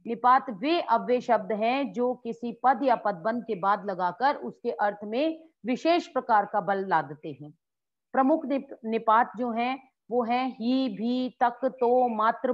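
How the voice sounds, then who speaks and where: Woman teacher explaining grammar to a class, acts out examples, answers her own questions; slightly high voice on a muffled recording. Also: measured pace. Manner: acts out example exclamations with lively swings in tone. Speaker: school Hindi teacher.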